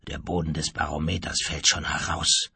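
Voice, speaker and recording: A nervous ship's mate who gives his report in a low, subdued voice, as a male narrator puts him on. His tone is dropped deep and quiet, with a husky grain. The recording is dry and close. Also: level tone, normal speed, no echo, heavily acted. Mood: worried.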